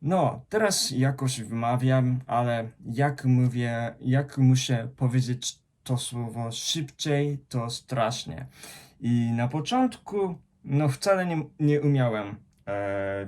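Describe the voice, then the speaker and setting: A man's voice: medium pitch, slow, a little mellow. A young man from Japan, speaking in a Japanese accent and working carefully through his words in a casual vlog, often stopping and restarting on hard sounds. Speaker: vlogger.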